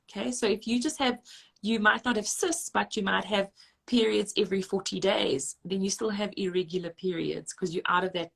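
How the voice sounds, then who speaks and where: A woman, a registered dietitian explaining nutrition and hormones in fast, emphatic conversation with frequent restarts. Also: medium pitch, gravelly, breathy edge.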